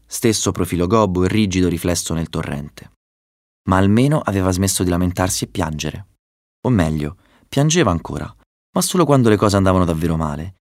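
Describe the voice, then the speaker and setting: A man narrating a storybook chapter in a calm, measured reading. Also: deep voice, no echo, studio quality. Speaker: audiobook narrator.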